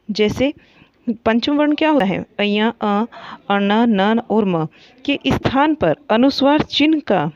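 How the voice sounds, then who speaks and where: A woman's voice: fairly high pitch, a little mellow, highs cut off. A woman teaching a grammar lesson for exam preparation, asking questions and then answering them herself, and repeating the key points. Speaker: Hindi teacher.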